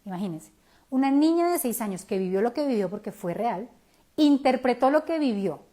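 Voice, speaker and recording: A Colombian woman in her forties, a self-help speaker, telling a personal story in a candid, animated way with slangy asides. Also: a little high, moderate pace.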